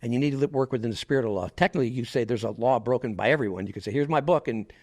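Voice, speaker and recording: A man's voice: mid-range voice, rapid-fire. A middle-aged man, a podcast guest, telling stories in a casual interview and acting out the people he quotes. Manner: animated storyteller, quotes others in lively asides.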